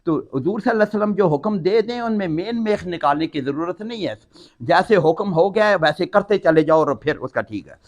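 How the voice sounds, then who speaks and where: A man's voice: high voice, lively intonation. An older man from Pakistan teaching a Quran class, reciting Arabic phrases and then explaining each word with patient repetition.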